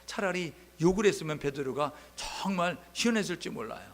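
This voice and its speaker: A male pastor with a brisk, slightly high voice preaches a sermon, animatedly telling Bible stories and posing rhetorical questions to the congregation. He acts out the biblical scenes in dialogue.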